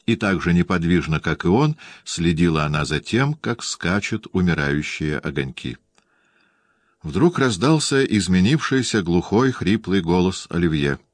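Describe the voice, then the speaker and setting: A man narrating a literary novel in a measured, even storytelling voice. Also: deep voice, no echo. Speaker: audiobook narrator.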